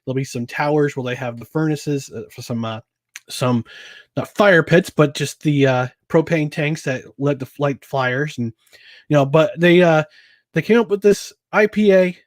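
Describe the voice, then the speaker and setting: Hosting his own laid-back podcast on sports and beer, a man talks at a moderate pace in a slightly high voice, captured at studio quality with no echo. His talk wanders, with chuckles, fillers and restarts.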